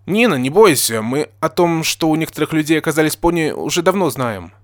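A brisk, decisive young girl speaks up firmly, as a man reads her part. Her lines sit above a man's usual pitch. The sound is dry, with no room echo. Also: big pitch swings. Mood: reassuring.

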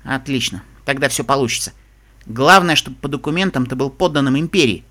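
A man reading an audiobook, voicing a sharp-tongued young unicorn mare who mocks and teases. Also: mid-range voice, fairly quick, voice pushed down, lightly acted. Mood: explaining. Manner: sarcastic, mocking.

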